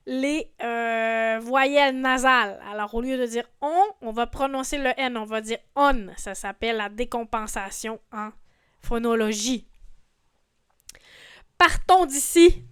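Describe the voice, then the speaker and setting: Slow, clear-voiced woman teacher in her forties. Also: on the high side, a bit bright, no room sound, clean studio sound. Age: 40s. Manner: patient, didactic, frequent "hein" fillers. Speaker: French teacher. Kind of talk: language lesson explaining song lyrics.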